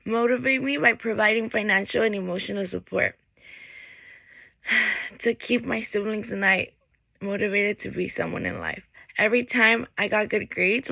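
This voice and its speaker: This late-teen graduate from Mexico has a medium-pitched, bright voice with some creak. Reading her prepared high school graduation speech earnestly from a script, she makes small restarts, recorded in poor quality with no room sound.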